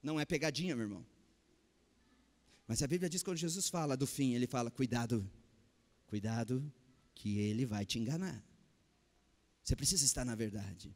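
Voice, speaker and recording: A Brazilian man with a Brazilian Portuguese accent preaching a Sunday sermon, calling out questions to the congregation and swinging between loud and hushed. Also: mid-range voice, normal speed, long pauses. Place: church hall. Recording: long hall reverb.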